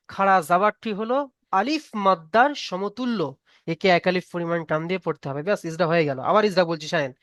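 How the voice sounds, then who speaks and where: A man's voice: high voice, fairly bright tone, clear, resonant tone, no echo, clean studio sound. A man teaching Quran reading rules in a live online class, patiently repeating each rule and asking students to recite. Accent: Bengali.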